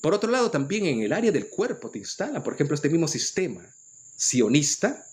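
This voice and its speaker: A man's voice: on the high side, sing-song, a little fast, a little mellow, slight background noise. A man with a Peruvian accent giving an earnest, lecturing spiritual monologue, often restarting his phrases. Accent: Peruvian Spanish. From Peru. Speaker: spiritual commentator.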